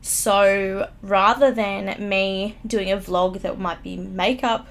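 A woman's voice: medium pitch, fairly even intonation, slow, fairly bright tone. Young woman, late teens, chatty, self-mocking, casual home podcast, close mic. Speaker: YouTuber. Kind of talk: casual solo podcast chat. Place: home room, upstairs. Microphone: studio microphone, close.

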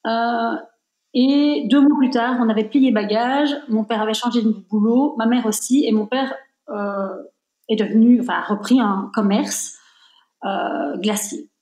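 A woman's voice: on the high side, measured pace, warm tone, reverberant. A woman in her fifties, born in Belgium, speaking as a guest in a conversational interview, reflective and emphatic, with many fillers. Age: 50s.

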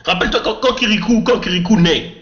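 A man's voice: high voice, fast talker, a bit bright. A man co-hosting a casual podcast panel, insistently repeating his point and putting questions to the group. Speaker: podcast co-host. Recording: muffled, roomy podcast recording.

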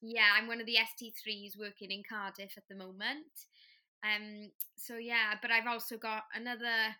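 A young Welsh woman training as a children's doctor chats as an interview guest, her medium-pitched voice bright and pushed. She's a friendly, chatty storyteller who uses plenty of fillers.

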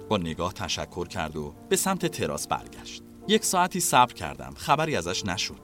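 A man reading a scripted story as narrator in an expressive way. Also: lowish voice.

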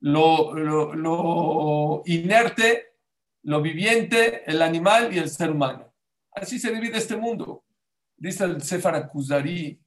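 Preaching a Torah sermon, this rabbi speaks on the high side with a somewhat raised voice. Stories come alive as he animatedly acts out the people he quotes, and he regularly turns to his audience with direct questions.

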